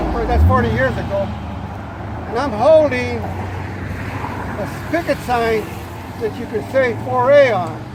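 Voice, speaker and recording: An older former prisoner speaks at an outdoor protest, his voice unusually high and loud, plain-spoken and halting with fillers. Street noise and passing vehicles are clearly audible beneath him on the noisy recording.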